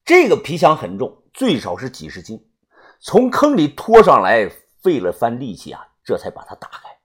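Husky woman narrating a novel. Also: very deep voice, normal speed. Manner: expressive storytelling. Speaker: audiobook narrator.

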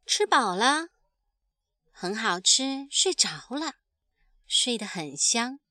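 A woman reads a picture book aloud in a high, lively voice, acting out the sound effects as she goes. Her tone is bright and her pace is slow and careful. The recording is close and dry. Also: no echo. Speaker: storyteller. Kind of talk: expressive picture-book reading.

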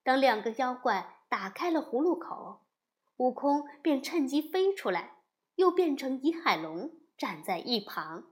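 A woman narrating a classic storybook tale with a slow, expressive reading. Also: high-pitched.

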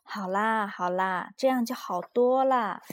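A woman voicing an angry little boy in a storybook reading, with high, loud, indignant shouting. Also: a little slow, natural voice. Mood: soothing, tender.

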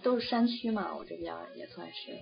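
A young woman from China talks in a loose, rambling way, full of fillers and restarts. Her voice has a gravelly fry to it. The audio is dull and lo-fi, with faint music underneath. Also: lowish voice, fairly quick. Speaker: interviewee. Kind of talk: casual chat.

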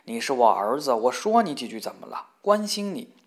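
A man's voice: mid-range voice, big pitch swings, a little fast, close to an everyday voice. A man reading aloud who voices a blunt, nagging older grandmother in quoted lines, keeping close to his own voice. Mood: scolding. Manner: curt, scolding.

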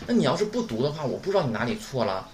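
A man teaching a recorded Japanese lesson. He keeps asking rhetorical questions and models pronunciation slowly and clearly. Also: mid-range voice, sing-song, a little mellow. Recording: roomy with faint background noise.

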